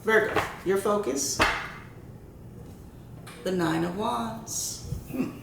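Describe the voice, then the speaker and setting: A woman's voice: mid-range voice, extremely slow, creaky. A woman hosting a casual tarot and horoscope reading for her viewers, often checking in with a questioning "right?". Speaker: tarot reader and channel host. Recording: roomy echo, faint background noise.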